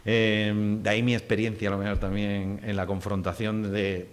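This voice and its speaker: A man's voice: lowish voice, flat delivery, moderate pace. A middle-aged man from Huelva with an Andalusian accent, giving a public linguistics lecture in a casual, digressive way with many fillers and restarts. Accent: Andalusian Spanish. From Huelva, Spain.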